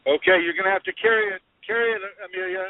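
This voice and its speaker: A man's voice: high voice, racing, creaky, no echo. Man on a choppy, cutting-out phone line. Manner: animated, emphatic, restarts phrases. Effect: choppy phone line with words cutting in and out. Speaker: spiritual teacher and show host. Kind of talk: teaching talk over a phone call. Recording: tinny dry phone line.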